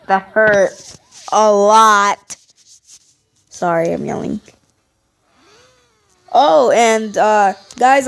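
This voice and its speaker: A woman YouTuber giving playful, chatty let's-play commentary and talking back to the game. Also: on the high side.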